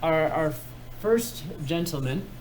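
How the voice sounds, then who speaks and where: A man's voice: on the high side, animated, slow pace, a little hiss or hum, rough recording. Patient male math teacher in class. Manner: patient, encouraging, guides step by step. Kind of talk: classroom instruction.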